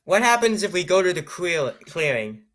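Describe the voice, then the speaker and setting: Reading a strange AI-written story for his channel, a host uses a high, bright, sing-song voice at a moderate pace and trips over its odd phrasing. He repeatedly breaks off for sarcastic, amused jokes about the text.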